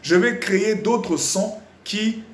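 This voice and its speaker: A man teaching a live singing lesson, explaining slowly and repeating himself with many fillers, breaking into short sung examples. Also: sits high, echoey room, slight background noise. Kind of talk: live online music lesson.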